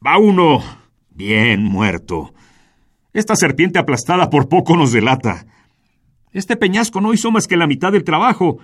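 A man with a Mexican Spanish accent voicing a gloating male villain in a radio drama reading, cold and high-pitched. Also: sing-song, unhurried.

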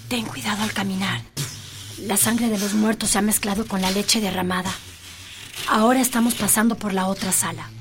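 A woman's voice: medium pitch, steady tone, normal speed, lightly acted. A woman playing a caring, resolute guide to blind internees in an audio drama, speaking in an earnest, instructive way. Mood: guiding.

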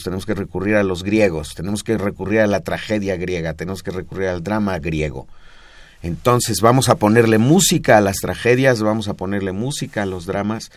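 Low-voiced Mexican man explaining music. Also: no room sound. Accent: Mexican Spanish. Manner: didactic, patient explaining with repetitions. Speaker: music expert guest. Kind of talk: explanatory radio talk.

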